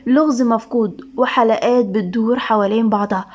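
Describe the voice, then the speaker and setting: A woman's voice: fairly high pitch, steady tone, brisk, a little mellow. A woman with an Egyptian accent narrating a dramatic romance story with emotive reading. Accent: Egyptian Arabic.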